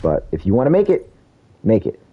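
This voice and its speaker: A man's voice: wildly swooping pitch, a little fast, husky, narrow, tinny audio. A man streaming a game, chatting casually and calling out enemies, heard through a poor-quality stream mic. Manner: slangy, calls out enemies, says "bro" a lot. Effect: low quality stream audio, bad mic. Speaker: gaming streamer. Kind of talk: casual live gameplay commentary.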